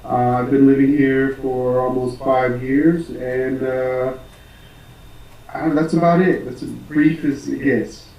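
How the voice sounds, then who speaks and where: An American man who teaches English, answering interview questions casually with many pauses, fillers and restarts. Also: medium pitch, fairly even intonation, roomy sound, distant mic, muffled recording. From United States.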